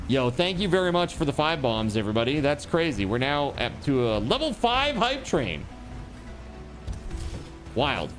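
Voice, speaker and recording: A man livestreaming and chatting casually with viewers, giving shout-outs in an excitable, hyped way with repeated words and exclamations. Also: fairly high pitch, moderate pace, soft background music. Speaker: live game streamer.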